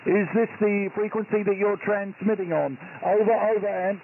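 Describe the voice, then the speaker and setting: High-pitched man on tinny radio. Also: fairly even intonation, moderate pace. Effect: shortwave radio transmission. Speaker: amateur radio operator. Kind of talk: ham radio exchange with call signs. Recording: tinny shortwave link with faint static.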